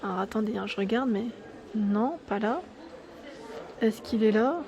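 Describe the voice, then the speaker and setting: A woman's voice: mid-range voice, a little slow, gravelly, darkish tone, some chatter behind. A woman giving an enthusiastic, chatty walkthrough vlog in a furniture store showroom, often tagging "hein" and correcting herself. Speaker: YouTube vlogger.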